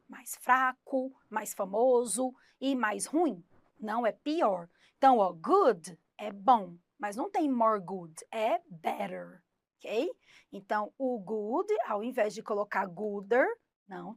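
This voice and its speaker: Brazilian lady teaching english grammar online, lively and fairly high voice, asks herself the students' questions. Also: no room sound, studio quality.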